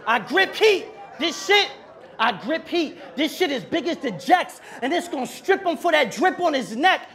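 With an extremely high, sing-song voice at a moderate pace, a man in his thirties battle raps a cappella on an indoor club stage, a faint crowd audible behind him. He's aggressive and taunting, repeating and shouting his bars and mixing in Spanish slang.

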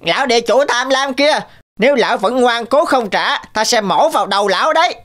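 A woman's voice: a little high, lively intonation, brisk, fairly bright tone. A woman voicing a brave little male rooster in a cartoon, speaking boldly and scolding. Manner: bold, scolding.

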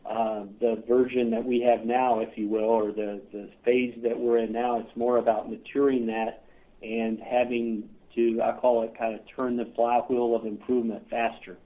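Midwestern American man, phone-line guest, earnest, halting with fillers. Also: medium pitch, little pitch movement. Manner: earnest, many filler uhs. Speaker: clinic CEO guest. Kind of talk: podcast interview answers.

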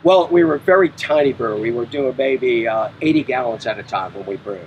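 A middle-aged brewery owner speaks in a casual interview on an outdoor patio beside a brick wall, explaining things in a matter-of-fact way. His medium-pitched voice moves fairly quickly, with dull audio and slight background noise.

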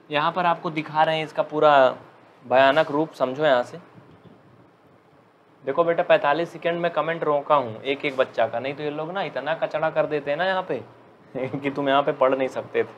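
A man teaching a live online maths class who jokes with students and dictates slowly. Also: on the high side, a little hiss or hum. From India. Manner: chatty, joking, dictates slowly.

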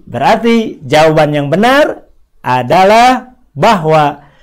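A man teaching an online Quran reading lesson, asking questions, repeating points and slowly drawing out example words. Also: a little high. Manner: asks questions and answers them himself, repeats points; stretches words out slowly when demonstrating readings.

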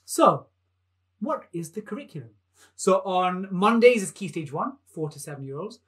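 A man in his thirties leads a live maths lesson for young children. He talks with bright enthusiasm, coaxing the kids to clap and jump along. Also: high-pitched, lively intonation, normal speed. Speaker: maths teacher hosting a live online lesson.

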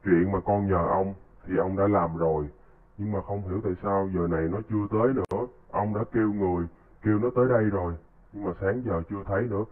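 A man's voice: low voice, fairly even intonation, quick pace, natural voice. A man voicing an elderly male village chief who is fretful, scolding and protective, in casual game role-play. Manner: scolding yet caring. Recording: tinny phone-like line.

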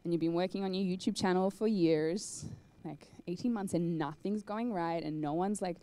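A young woman gives a chatty conference talk from the stage of a cinema hall, holding a handheld mic and taking questions afterward. Her voice is on the low side at a normal speed, animated and full of "like" and "um."

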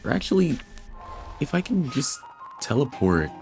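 A man's voice: a little high, very animated, normal speed, over music. A young man casually commentating a video game playthrough, rambling to himself and swearing freely. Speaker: gaming video creator. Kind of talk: casual let's-play commentary.

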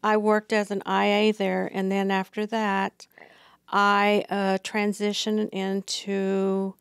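A middle-aged woman talking as an interview guest in a small studio, unhurried and full of fillers. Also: medium pitch, completely flat delivery, smooth, no echo. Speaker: district receptionist, guest. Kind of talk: casual interview. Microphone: podcast mic on boom arm.

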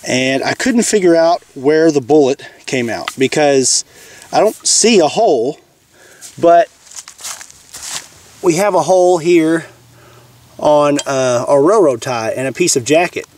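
Fairly high-pitched and expressive, a young man from Kentucky narrates a relaxed outdoor shooting demo in an open field as the channel's host. He's a little slow, leaves long pauses, and sounds a little mellow, staying plainspoken and easygoing while he thinks aloud. He's recorded on a camera mic that is sometimes at a distance.

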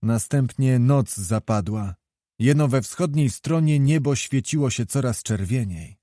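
A man reading a historical novel aloud as an audiobook narrator, in an even, unhurried storytelling manner. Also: medium pitch, no room sound, clean studio sound.

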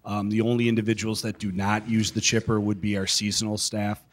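A middle-aged man giving a measured, formal report to a city council into a handheld mic in a council chamber. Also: fairly low pitch. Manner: measured, steady bureaucratic delivery. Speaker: city public works staff reporting to council. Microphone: handheld microphone.

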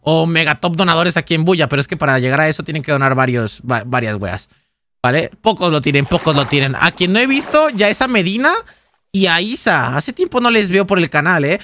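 His voice is on the high side, brisk, pushed and bright, with lively intonation. He's livestreaming a game, joking and rambling casually while going through donations and chat.

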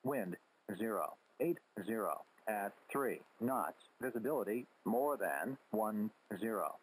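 A man reading an automated airport weather report in clipped, formulaic phrases over crackly aviation radio, with a husky voice. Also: lowish voice, expressive, slow pace.

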